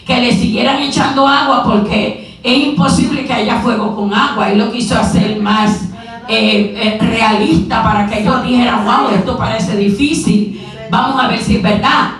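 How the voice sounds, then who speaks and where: A woman preacher giving a sermon in a church, retelling a story with rhetorical questions and quick asides. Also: fairly high pitch, fairly even intonation, fairly bright tone, soft background music. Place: church sanctuary. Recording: very echoey hall, mic far off.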